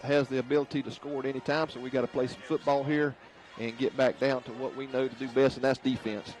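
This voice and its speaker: A man's voice: mid-range voice, little pitch movement, fast talker, darkish tone, rough recording. Folksy Southern man doing football color commentary. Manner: folksy, chatty. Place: press box at a football stadium.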